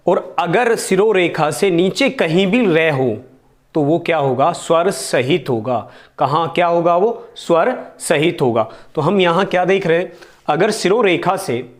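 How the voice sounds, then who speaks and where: Higher-pitched man teaching, repeating himself. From India. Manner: explains slowly, repeats key words, asks and answers his own questions. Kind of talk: Hindi grammar lesson.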